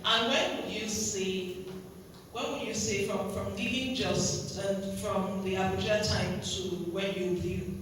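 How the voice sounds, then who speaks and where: A man's voice: sits high, steady tone, unhurried, a bit bright. A man interviewing a guest on stage, asking friendly, probing questions. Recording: distant, echoey hall, noisy.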